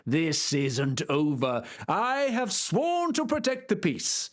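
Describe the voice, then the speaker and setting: A man's voice: a little high, wildly swooping pitch, takes it slowly, exaggerated voice. A man voicing Don Quixote, a deluded, grandiose old knight, speaking in a formal, theatrical way. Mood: indignant. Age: older.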